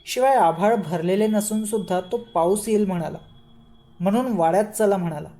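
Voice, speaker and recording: A shrewd older man speaks firmly and sensibly, explaining his reasoning step by step. A woman reads him aloud. Her voice is mellow and soft. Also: medium pitch, moderate pace, natural voice. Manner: firm, level-headed, explaining. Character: shrewd, calm older man, devoted disciple.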